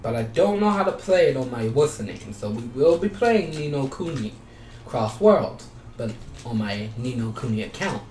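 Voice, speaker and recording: This casual gaming YouTuber speaks at a normal pace in a mid-range voice, wandering through his thoughts, repeating phrases, and sometimes reading the game's text aloud. The audio is roomy, captured from a distant mic over steady background noise.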